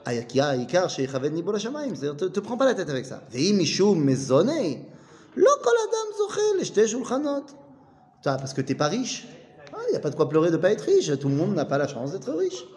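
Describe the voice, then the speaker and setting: Lively man teaching in a reverberant room. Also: on the high side, fairly quick. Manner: reads Aramaic, then retells it in chatty, joking French. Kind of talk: casual Talmud study lesson.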